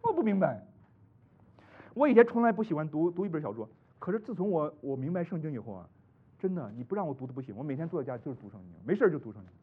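Animated high-voiced man preaching. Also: quick pace, husky. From China. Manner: animated, rhetorical questions, swings between loud and hushed. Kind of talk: sermon. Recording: tinny phone-like recording.

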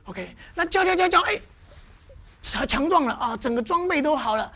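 Woman, high voice, church teacher, quizzes listeners over and over, playful demonstrations. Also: expressive, fairly quick, a bit bright. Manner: constantly quizzes the audience with questions.

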